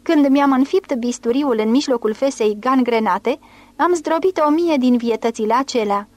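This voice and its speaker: A woman's voice: high voice, a little mellow, dry recording, close to an everyday voice. A woman reading as a pompous male surgeon. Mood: grandiose. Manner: grandiose orating. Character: pompous male surgeon recounting a fantastic dream.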